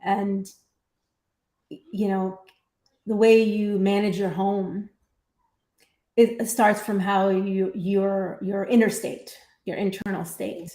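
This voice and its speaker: A woman's voice: mid-range voice, steady tone, slow, pauses often, mellow. Earnest woman teaching in an echoey room. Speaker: teacher and co-host of a live faith-based discussion. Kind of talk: conversational teaching, live online talk. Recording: echoey room on live stream.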